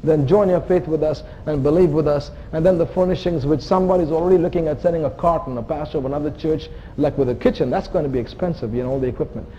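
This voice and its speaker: A man's voice: a little high, fast, hardly any pauses, dark tone, lo-fi sound, slight background noise. A man from India, preaching a sermon to a church congregation in an earnest, emphatic way, with joking asides. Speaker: visiting missionary preacher. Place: church sanctuary.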